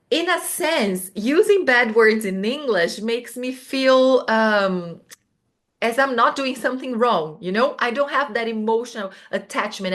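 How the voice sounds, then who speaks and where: A woman's voice: on the high side, fairly bright tone. A woman from Brazil with a Brazilian Portuguese accent, a native Portuguese speaker, giving a chatty, casual English lesson with frequent restarts and asides. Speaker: English teacher.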